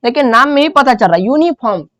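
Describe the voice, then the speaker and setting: A woman with a slightly raised pitch gives a physics lesson, building each point step by step. She keeps asking the class rhetorical questions and answering them herself. The recording is close and dry. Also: animated, fast talker, fairly bright tone, no room sound. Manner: explains step by step, repeats key terms, asks rhetorical questions. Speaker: physics teacher. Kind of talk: classroom lecture.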